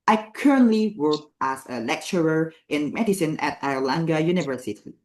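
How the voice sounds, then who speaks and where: Young Indonesian man, formal applicant in a school interview role-play. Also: fairly high pitch. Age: young adult. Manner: polite, formal, reads prepared answers. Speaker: student playing a job applicant.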